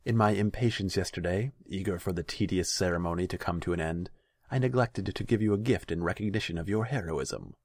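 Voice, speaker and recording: A man's voice: deep voice, brisk, a little mellow, no echo, pitched above the performer's own voice. A man voicing a cruel, theatrical male khan who sneers and commands. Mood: mockingly gracious.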